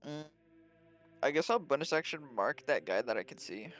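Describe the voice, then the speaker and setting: A man's voice: medium pitch, expressive, normal speed, a bit bright, soft background music. A man playing a tabletop game, thinking aloud in a hesitant way with many fillers as he works through his turn. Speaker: player. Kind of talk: casual tabletop game play.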